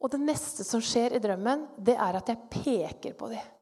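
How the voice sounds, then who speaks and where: A middle-aged woman giving a personal faith testimony, telling her story in an animated way and acting out her own thoughts. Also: a little high, slightly rough. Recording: long hall reverb.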